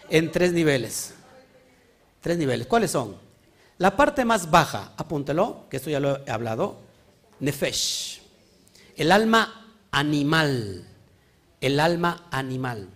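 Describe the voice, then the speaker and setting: Animated man preaching. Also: high voice. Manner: animated, asks the congregation questions often. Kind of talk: sermon teaching.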